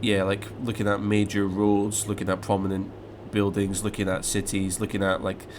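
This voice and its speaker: His delivery is completely flat, his voice on the low side, his pace moderate. He's a young flight sim live streamer from Scotland with a Scottish accent mixed slightly with English, casually rambling and reading viewer questions with lots of fillers and restarts over background noise.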